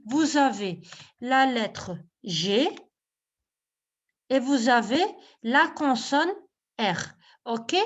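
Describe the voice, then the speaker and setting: A woman teacher giving an online class, speaking slowly and patiently and checking in with "ok?" after each point. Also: sits high, lo-fi sound.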